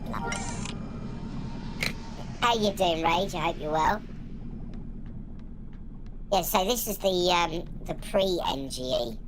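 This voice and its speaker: A woman's voice: fairly low pitch, lively intonation, slow, pauses often. A woman chatting casually with viewers as a game streamer on a live stream. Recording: loud noise behind the voice.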